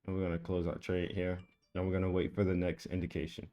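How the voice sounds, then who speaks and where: Speaking quickly in a low, mellow voice, a trading educator walks through a price chart during a screen-share tutorial. His delivery is relaxed and repetitive, with a flat, even tone as he marks levels and entries, much like a casual lesson.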